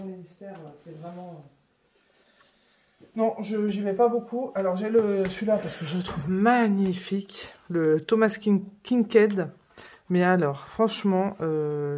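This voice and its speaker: A woman's voice: lowish voice, a little mellow. A woman talks casually through her coloring books, showing them off one by one. She rambles, restarts her sentences and fills the gaps with little hesitations. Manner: chatty, rambling, full of fillers and self-corrections. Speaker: coloring book vlogger. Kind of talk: casual show-and-tell chat.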